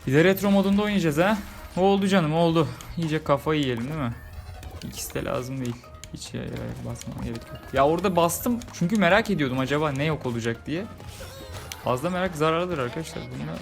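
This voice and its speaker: A man with a slightly high voice talks through a platform game he is playing, grumbling, joking and repeating his complaints. Faint game music runs under his commentary. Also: fast talker, vocal fry. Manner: frustrated, repeats himself, jokey complaints. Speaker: gaming YouTuber. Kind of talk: casual let's-play commentary.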